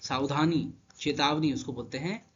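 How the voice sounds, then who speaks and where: Animated male vocabulary teacher, lo-fi. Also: normal speed, breathy edge. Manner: repetitive, asks and answers his own questions; animated, jumps in pitch and loudness. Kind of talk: explanatory online lesson. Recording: dull lo-fi sound.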